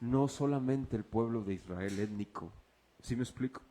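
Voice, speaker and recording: A man with a Mexican accent preaching a sermon as pastor. He asks the congregation rhetorical questions and swings between loud, raised passages and quiet, low ones. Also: normal speed.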